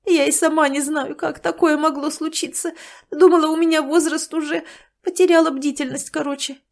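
A woman's voice: sits high, fairly even intonation, normal speed, pitched above the performer's own voice. A woman reader voicing a tearful, touchy fifty-year-old village woman who pleads in a raised, plaintive voice.

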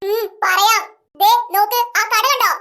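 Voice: very high voice, fairly even intonation, a little slow, bright, forceful tone, full character voice. A performer voicing a haughty, scheming rich mother in a comic family sketch, dropping English words into her talk. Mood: bossy.

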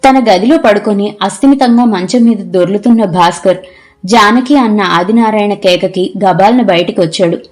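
A woman narrating a novel in an audiobook, telling the story in a measured, expressive way. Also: mid-range voice. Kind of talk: scripted narration.

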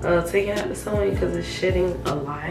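A woman's voice: fairly low pitch, brisk, creaky. A young woman who sounds under the weather, chatting casually and informally to the camera in a hair tutorial. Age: young adult. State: sick, with an affected voice. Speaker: natural hair vlogger. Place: small tiled home bathroom, indoors. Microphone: camera mic a short distance away. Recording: echoey bathroom, distant mic, music behind.

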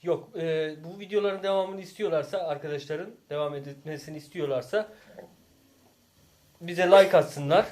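A man's voice: on the high side, normal speed, darkish tone. A man, a father hosting a casual family vlog, teasing playfully and calling out game scores with bursts of laughter. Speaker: father and channel host.

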